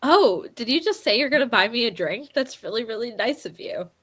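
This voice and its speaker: A woman's voice: a little high, expressive, brisk, fairly bright tone, pitched above the performer's own voice. A woman voicing a cheeky, ale-loving female adventurer who teases in a tabletop game. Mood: teasing.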